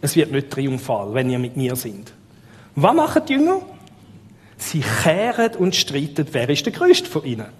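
A man with a Swiss German accent delivers a sermon in a fairly high voice, asking his listeners question after question. His voice rings with a long hall reverb. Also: moderate pace. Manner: lively, asks the audience rhetorical questions. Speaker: preacher.

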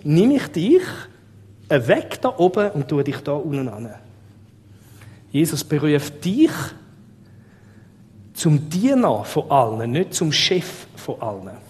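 A man with a Swiss German accent preaching a sermon, lively, putting rhetorical questions to his listeners. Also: fairly high pitch, in a large hall.

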